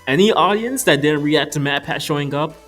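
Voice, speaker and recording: In a fairly high, fairly bright voice and at a slightly fast clip, the young video reviewer runs through his casual scripted movie commentary. He jokes and swears lightly while background music plays.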